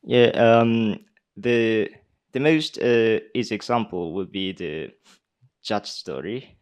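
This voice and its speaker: Speaking slowly and smoothly in a lowish voice, a Japanese university student in his twenties, whose accent is posh British, presents a speech in a conference hall. When questions come, his answers turn hesitant and packed with fillers.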